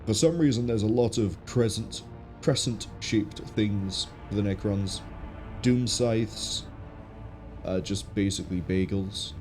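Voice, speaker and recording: A man's voice: on the low side, darkish tone. A man with a stuffy nose, sounding ill, gives casual gameplay commentary as a streamer, musing and thinking aloud. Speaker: game streamer. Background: game music.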